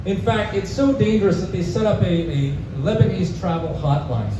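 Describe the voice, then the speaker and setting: A young Canadian man performs live stand-up in a pub comedy room, his voice sitting high and animated at a moderate pace. He's casual, full of "uh" fillers, and chuckles at his own jokes. The sound is noisy and dull, caught by a distant mic in an echoey bar room.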